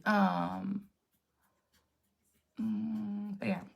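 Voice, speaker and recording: A young woman influencer vents to her livestream viewers, bluntly and defiantly, swearing a lot and filling gaps with "like." Her medium-pitched voice is steady, very slow and full of vocal fry, and the recording sounds muffled.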